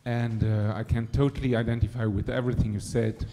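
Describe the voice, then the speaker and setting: Speaking from the floor of a reverberant hall, a Luxembourgish screenwriter-director in the audience poses a question in a thoughtful manner, filled with hesitation words. His warm, medium-pitched voice moves little in pitch and runs a little fast.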